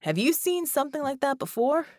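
A woman's voice: high-pitched, very animated, a little fast, darkish tone, no room sound, pitched above the performer's own voice. A friendly, laid-back male stone giant, read by a woman narrator, talks in a casual, slangy, easygoing way. The storybook recording is dry and close. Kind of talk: audiobook character voice.

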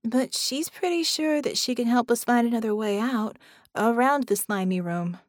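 A woman voicing an earnest, bright little girl who talks in a worried tumble. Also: on the high side, moderate pace, dry recording, studio quality, pitched above the performer's own voice, close to an everyday voice.

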